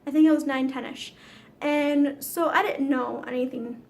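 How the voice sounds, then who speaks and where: A woman with a high, light voice tells a story straight to her viewers. She is chatty and dramatic, and she drops swear words casually. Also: steady tone, normal speed, darkish tone. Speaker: vlogger.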